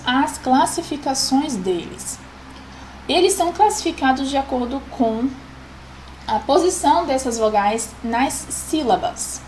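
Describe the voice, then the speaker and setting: High-voiced patient woman teaching grammar. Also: darkish tone, slight background noise, low-quality recording. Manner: patient, checks in with "ok?". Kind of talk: explaining a grammar lesson.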